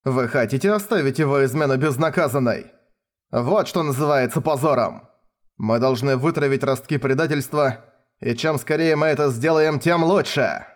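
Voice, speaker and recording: A man's voice: medium pitch, lightly acted. Man reading an icy, composed colonel. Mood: firm. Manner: calm, icy, measured. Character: cold, composed male colonel, schemer.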